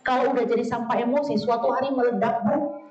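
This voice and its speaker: A woman, giving a lively, blunt talk with humour to a women's study group. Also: fairly high pitch, quick pace. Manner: blunt, animated, acts out quoted voices, laughs often. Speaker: speaker at a women's study session. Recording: echoey far-off dull sound.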